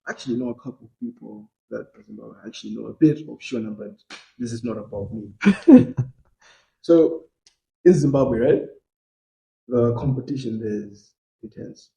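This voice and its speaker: A man hosts a casual podcast, his voice mellow and dark with a husky edge. He teases his guest playfully and throws in slangy asides. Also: mid-range voice, moderate pace, long pauses, low-quality recording. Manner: playful, teasing, slangy interjections. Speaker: podcast host.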